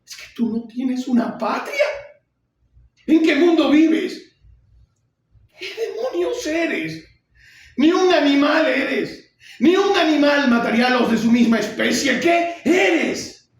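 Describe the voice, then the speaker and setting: A man acting a young man who furiously accuses his father, shouting in outrage. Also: very animated, takes it slowly, long pauses, heavily acted. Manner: shouting, outraged, high-pitched. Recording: echoey hall, mic far off.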